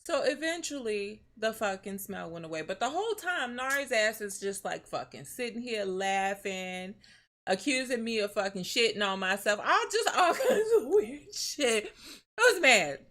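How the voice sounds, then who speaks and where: A woman telling a story on a live stream, animated and profane, often breaking into laughter. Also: fairly high pitch, normal speed. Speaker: streamer co-host.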